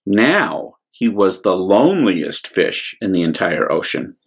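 A man telling a children's bedtime story in an expressive, deliberate way, with little asides to listeners. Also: low voice, slightly rough. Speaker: priest reading a storybook.

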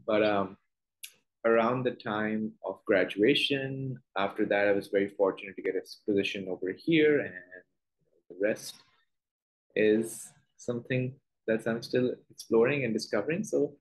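A Pakistani-accented doctor in his twenties answers interview questions as a guest over a video call from a small room at home, earnest and sprinkling in lots of "you know." His voice is fairly low and his pace normal, with the room sounding echoey.

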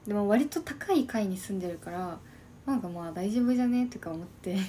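Woman in her early 20s, casual live-stream chat, soft half-whispered delivery, mellow tone, streaming from home. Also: medium pitch, lively intonation, a little fast, a little hiss or hum. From Shimane, Japan. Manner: soft, quiet, often half-whispered talk. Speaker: livestream host. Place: at home by an open window.

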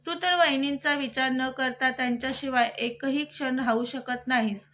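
Playful young male best friend read by a woman, joking, teasing, high voice, story reading. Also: fairly even intonation, normal speed, fairly bright tone, slight background noise.

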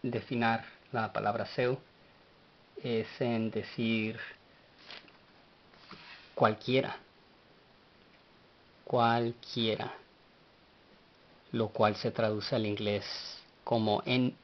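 A man teaching a language lesson, speaking slowly and spelling words out letter by letter. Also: fairly low pitch, level tone, dull audio.

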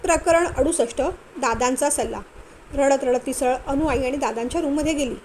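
A woman storyteller reading a family novel aloud in a steady, expressive way. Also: sits high, a little fast, slight background noise. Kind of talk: scripted story narration.

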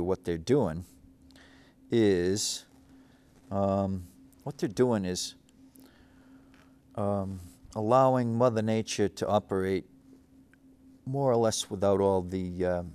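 A middle-aged man from Cape Cod, Massachusetts, hosts a local show from a studio desk, his low voice carrying a darkish tone. He rambles through local history and reflective memories, full of fillers and restarts.

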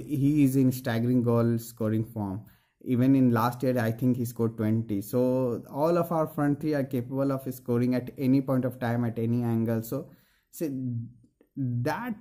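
A man's voice: medium pitch, mellow. Earnest Indian man giving a football analysis. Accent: Indian English. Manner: earnest, halting, many fillers and restarts. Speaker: football fan vlogger. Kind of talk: post-match analysis to camera. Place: small room indoors.

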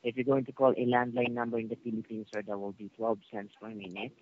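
On a muffled phone call with slight noise, a male telephone service agent talks fast in a medium-pitched voice with little pitch movement. He follows a customer service script, polite and formal, constantly saying "sir."

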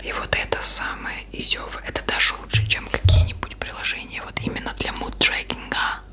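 Whispering woman, casual ASMR. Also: a little fast. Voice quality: soft unvoiced whisper. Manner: informal, loose, thinking aloud. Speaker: ASMR video creator. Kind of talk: ASMR, casual rambling show-and-tell.

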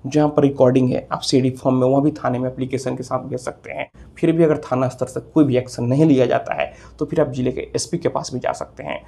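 Speaking to camera from a small indoor office, a man in his thirties from India hosts a legal advice video, walking through explanations step by step. His mid-pitched voice is husky and mellow with little melodic movement, and he often circles back over his own phrases.

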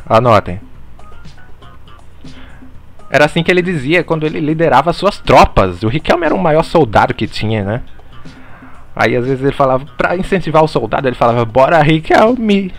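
In a parody online lecture, a man with a mid-range voice plays a mock teacher, talking over slides in a deadpan, mock-serious way and swearing casually.

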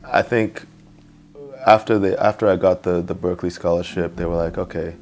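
A man's voice: low-pitched, a little hiss or hum. A young man from Nigeria, a music producer, talking casually in an interview in a music studio, often saying "you know". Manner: relaxed, fills pauses with "you know".

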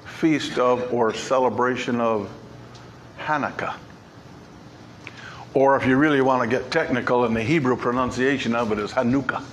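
A man's voice: mid-range voice, a bit bright, slight background noise. Emphatic man preaching a sermon. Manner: emphatic, repeats key words. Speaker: pastor. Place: church sanctuary.

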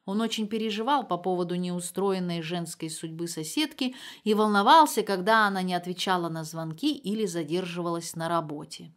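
Expressive woman reading an audiobook. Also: lowish voice, a little fast, few pauses. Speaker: audiobook reader. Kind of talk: audiobook narration of a humorous story.

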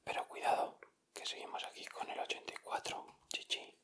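A man makes an ASMR video at a table inside, whispering gently. Each item gets its own slow, deliberate, soft-spoken narration.

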